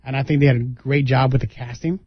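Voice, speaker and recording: A man co-hosting a casual movie review chat, talking excitedly with many fillers as he retells scenes. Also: medium pitch, quick pace, breathy edge, no room sound. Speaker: podcast co-host. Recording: dry, slightly dull sound.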